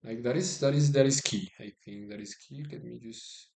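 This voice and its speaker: Recorded on a phone, a Colombian man gives relaxed chess commentary during a live stream, speaking with a Spanish accent. His medium-pitched voice is expressive, creaky and dark-toned, at a moderate pace. He is chatty and halting, repeats words while reaching for them, and frequently thanks viewers.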